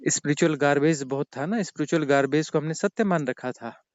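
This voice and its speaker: A man acting as a spiritual teacher, counselling a caller in a calm, reassuring way and repeating short phrases. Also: on the high side, a little fast, no room sound, dull audio.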